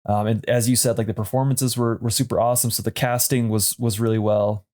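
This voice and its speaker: Male co-host, 30s, mid-range voice, measured and hesitant delivery. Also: mid-range voice, flat delivery, a little mellow. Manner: thoughtful, hesitant, many fillers. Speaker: podcast co-host. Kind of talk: casual chat.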